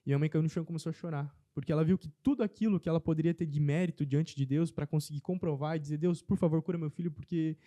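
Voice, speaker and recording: A man telling a personal faith testimony as a podcast guest in casual chat, earnest and animated. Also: a little high, rapid-fire, few pauses, no room sound.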